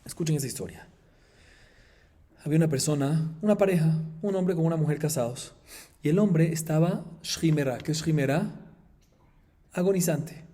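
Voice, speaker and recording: A man, a rabbi, teaching a Talmud class, explaining the text in an animated way with emphatic highs and chanting the Aramaic passages. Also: moderate pace, long pauses. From Colombia.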